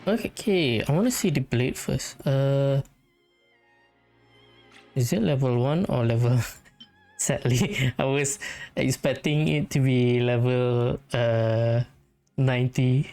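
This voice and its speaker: A let's play host thinks aloud through a game, offering casual, hesitant commentary. The voice is medium-pitched, slow and mellow, with game music playing behind it.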